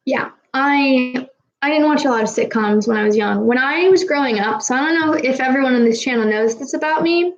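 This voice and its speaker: A young streamer from Kazakhstan, a bit tipsy, fields questions from her live chat in a brisk, high-sitting voice. Rambling and swearing freely, she has trouble saying R's, and the sound is lo-fi.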